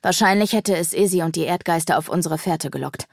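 A measured male sage reasons calmly, as a woman reads him. His voice sits lowish, in a dry, close recording. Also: gravelly, no room sound.

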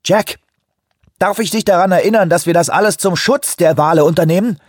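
A man's voice: sits high, fairly quick, darkish tone, no echo, clean studio sound, pitched above the performer's own voice. A man voicing an exasperated male whale researcher who talks urgently and holds his anger back. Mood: stern. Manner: urgent, pleading, irritated.

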